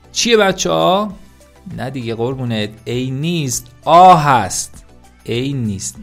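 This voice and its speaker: Gravelly, energetic male teacher. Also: a little high. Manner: energetic, addresses students as "kids", repeats words for emphasis. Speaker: language teacher. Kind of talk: online language lesson.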